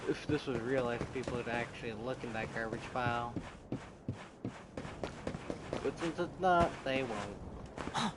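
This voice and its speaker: Tired man rambling over loud noise. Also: medium pitch, normal speed. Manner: rambling, hesitant, trailing off. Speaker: let's play host. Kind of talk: casual gameplay commentary.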